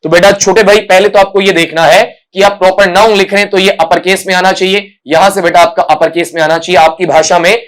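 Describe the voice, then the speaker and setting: A man teaching English for competitive exams, explaining patiently and repeating himself, fondly calling his students "beta" and slowly sounding out each speech sound. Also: high-pitched, fairly even intonation, a bit bright. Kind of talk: explaining a lesson to exam students.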